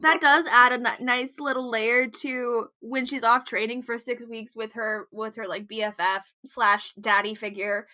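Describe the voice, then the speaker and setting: A woman co-hosting a casual book club podcast, animated, swearing freely and laughing often. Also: fairly high pitch, unhurried, few pauses. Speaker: podcast co-host.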